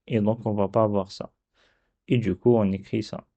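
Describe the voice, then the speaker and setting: A man teaching a dictation lesson step by step, sounding syllables out slowly and repeating them. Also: on the low side, fairly even intonation, gravelly, mellow, highs cut off. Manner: slow, repeats syllables aloud. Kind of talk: step-by-step lesson on writing Arabic letters.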